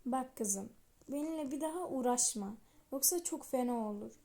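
A woman voicing a quick-tempered, jealous young wife in a toy-app story, scolding sharply. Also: high-pitched, mellow. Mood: angry.

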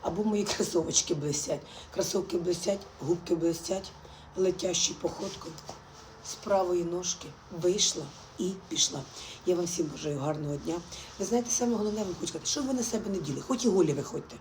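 A woman rattles off a quick, affectionate morning vlog as she dresses at home, talking straight to her viewers. Her delivery is brisk and talkative, with faint ambience behind her. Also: lowish voice, a little mellow, slight background noise, low-quality recording. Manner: chatty, affectionate, addresses viewers as "my dears"; drops to a whisper at times. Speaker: vlogger. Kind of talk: casual morning vlog chat.

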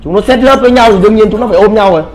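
High-voiced man swearing over a game. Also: rapid-fire, darkish tone, soft background music, poor audio. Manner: swears, cries out in pain during play. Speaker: gamer streamer. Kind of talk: casual gameplay commentary.

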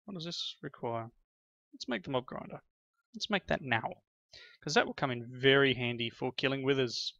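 A middle-aged man with a gravelly, bright edge to his voice talks through a family gameplay session in an easygoing, encouraging way. The sound is dry and a little dull, with a slightly lo-fi quality. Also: medium pitch, normal speed, no room sound. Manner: chatty, praises and encourages his kids. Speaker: gaming channel host playing with his children. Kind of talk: casual gameplay commentary.

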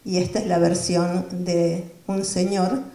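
A woman giving an academic lecture in a measured, explanatory way. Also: on the low side, level tone, mellow. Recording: roomy hall from far off.

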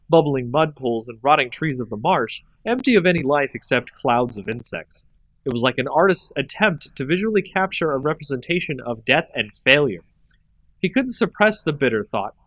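Animated man reading fantasy aloud. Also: medium pitch, normal speed, no echo, poor audio. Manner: expressive and animated. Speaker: channel host reading a story. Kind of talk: dramatic fantasy story reading.

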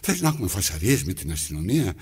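Old man, lonely, rambling to himself, husky voice, lively pitch swings. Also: heavily acted. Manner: talks to himself and the needle, coaxing then scolding. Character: aging lonely man mending his trousers, rambling. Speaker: actor. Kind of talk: theatrical monologue.

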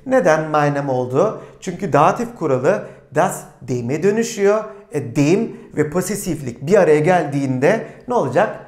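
A man giving a slow, deliberate grammar lesson and putting questions to his students. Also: on the high side, lively intonation, a little mellow, echoey room. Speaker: German teacher. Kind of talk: classroom-style grammar lesson.

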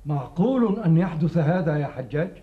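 An actor playing a learned, principled sheikh who speaks in measured, formal tones in a period drama. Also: male voice, on the high side, animated, slightly rough, narrow, tinny audio. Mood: grave. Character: learned older sheikh, calm, principled historian.

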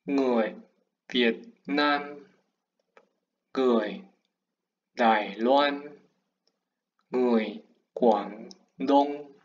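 A man from Taiwan with a Taiwanese accent reads pronunciation drills aloud as a language student, in halting, broken learner's speech, word by word. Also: medium pitch. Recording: dull lo-fi home recording with clicks.

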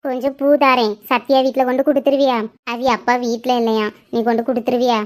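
A woman's voice: on the high side, level tone, quick pace. A woman performing a one-woman comedy sketch, switching between a scolding mother, a whiny girl and a friend. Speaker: comedy sketch creator playing all the parts.

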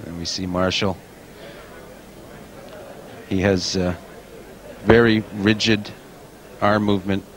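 A man's voice: low-pitched, little pitch movement, takes it slowly, pauses often, a little hiss or hum, poor audio. A man giving explanatory, analytical live darts commentary as the expert co-commentator.

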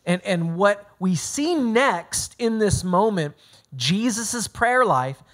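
A man's voice: sits high, lively intonation, slow pace, a bit bright. Earnest male pastor. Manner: earnest, emphatic, with frequent restarts. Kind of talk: sermon delivered as a conversation.

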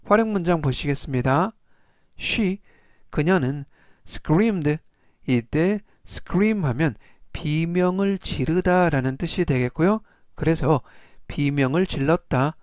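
A man who speaks Korean natively, teaching English vocabulary and repeating each word three times in a measured, formal way. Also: a little high, clean tone, dry recording, clean studio sound. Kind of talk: slow, deliberate vocabulary lesson.

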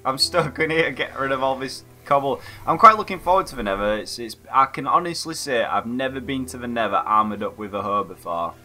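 A man's voice: mid-range voice, fairly quick, few pauses, sharp tone, soft background music. A man casually chatting while playing a video game, playful and giggly with sing-song outbursts. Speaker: co-host gamer. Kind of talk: casual gameplay chat.

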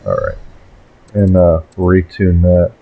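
A man in his late twenties, co-hosting a casual gameplay chat in a relaxed, laid-back way. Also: low voice, slow pace, creaky, phone-quality sound. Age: 20s. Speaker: gaming channel co-host.

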